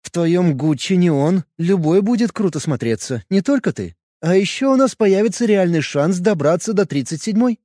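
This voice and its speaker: A man voicing a curious, teasing young woman inventor in an audiobook, speaking softly and half-whispering. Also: high voice, lively intonation, moderate pace, few pauses, no room sound, clean studio sound, pitched above the performer's own voice. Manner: soft, half-whispered lines. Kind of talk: audiobook character voice.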